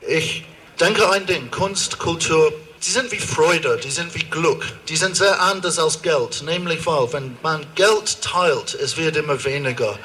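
A man's voice: on the high side, noisy background. A man from England with an English accent, speaking in a learned second language as an opera director addressing a demonstration, hesitant and searching for words with frequent ums. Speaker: opera director giving a rally speech. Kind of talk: public speech at a demonstration. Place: outdoor rally on a town square.

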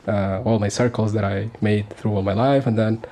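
A man's voice: lowish voice, steady tone, normal speed, warm tone. A man in his thirties from Sudan, speaking as a guest on a community radio interview, earnest and hesitant with many fillers and restarts. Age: 30s.

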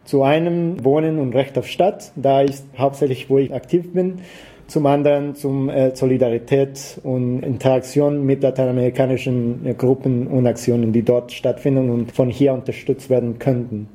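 Hesitant and leaning on frequent "äh" fillers, this Costa Rican activist guest replies to interview questions in German using non-native grammar. He talks at a moderate pace with a dark, steady, medium-pitched voice.

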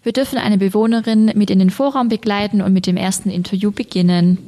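A woman's voice: mid-range voice, fairly even intonation, fast talker, mellow, slight background noise. A woman in her twenties, a student, politely asking interview questions with some hesitation. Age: 20s.

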